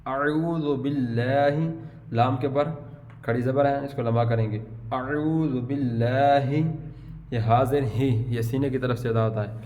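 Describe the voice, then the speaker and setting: A man teaching Quran recitation in a patient way, spelling out words slowly, syllable by syllable. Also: mid-range voice, fairly even intonation, dark tone, a little hiss or hum. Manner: patient, drawn-out syllable-by-syllable drilling. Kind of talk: tajweed lesson, spelling out words. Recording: long hall reverb.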